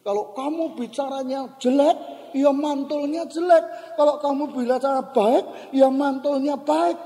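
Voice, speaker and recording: A calm, wise father, explaining things gently and slowly to his son, as an older preacher voices him. His voice is dark and mellow. It carries a long echo from a church hall on a worn cassette tape. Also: very high-pitched, voice pushed up. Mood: patient. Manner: slow, gentle, patient explaining.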